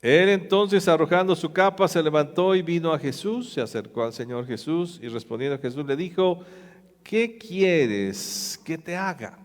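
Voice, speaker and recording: Man, pastor, slightly high voice, animated sermon storytelling, long reverb of a hall. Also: moderate pace, few pauses. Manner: storytelling, animated retelling of scripture.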